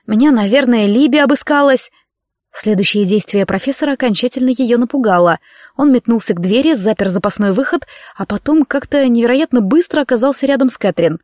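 A woman narrating a romance audiobook in an expressive storytelling manner. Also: on the high side, fast, dry recording, studio quality.

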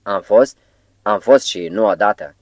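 A man's voice: fairly low pitch, darkish tone, no room sound, lo-fi sound, natural voice. A man reading as a suave mysterious foreign professor. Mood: courteous. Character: mysterious foreign professor, calm, courteous, knowing.

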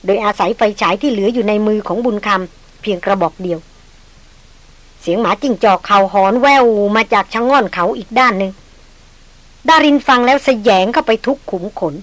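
A woman's voice: mid-range voice, normal speed, dry recording, low-quality recording. Woman narrating an audiobook. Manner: steady storytelling. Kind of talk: scripted narration.

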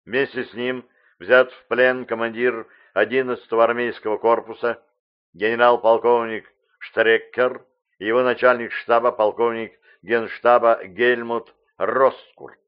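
A man reading a formal wartime radio bulletin in a slow, measured, solemn announcer's declamation. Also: mid-range voice, steady tone, clear, resonant tone, muffled recording.

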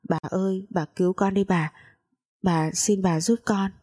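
A woman's voice: mid-range voice, fairly even intonation, unhurried, mellow, lightly acted. A woman voicing a young female maid who begs tearfully in a spoken story. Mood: pleading. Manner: begging, tearful.

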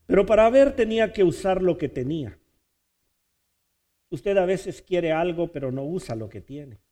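A man preaching a sermon, building to loud, repeated appeals and stretching key words slowly. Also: high-pitched, lively intonation. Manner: preaching with rising, shouted repetitions and slow, drawn-out emphasis. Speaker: pastor.

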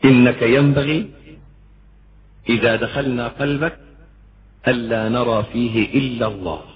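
A man with an Egyptian accent giving an impassioned sermon, swinging between pleading and booming. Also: steady tone, normal speed. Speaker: preacher. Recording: muffled lo-fi lecture recording with faint hiss.

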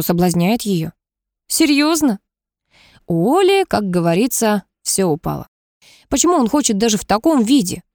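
A woman narrates an audiobook with a wry, ironic touch. Her voice is mid-pitched and recorded close on the mic, dry with no room sound. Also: a little mellow, no echo.

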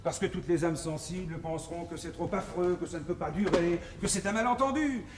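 Male, high voice, actor playing pompous, exasperated show-business schemer; 1960s film comedy, echoey, noisy old soundtrack. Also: a little fast, distant mic, close to an everyday voice. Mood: dramatic lecturing. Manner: theatrical, exasperated, emphatic, declamatory. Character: excitable, scheming, self-important male show-business publicist.

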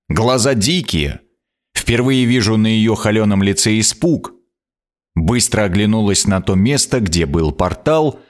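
Brief: male audiobook reader, low voice, very animated intonation, sardonic edge. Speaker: narrator. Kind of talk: audiobook narration.

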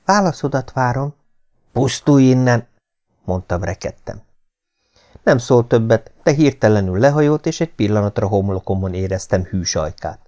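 A man reading an adventure novel aloud as an audiobook in a steady, measured storytelling manner. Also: on the low side. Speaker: audiobook reader. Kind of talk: scripted narration.

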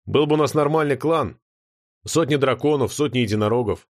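A man's voice: mid-range voice, a little fast, natural voice. A man voicing a worried, earnest dragon father with a gloomy manner.

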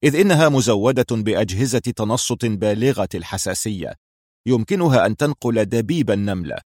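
A cold, arrogant male jailer speaks with harsh confidence, as a narrator puts him on. His voice sits a little lower than plain speech, calm and gloating. It is recorded dry and close. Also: a little fast, dry recording.

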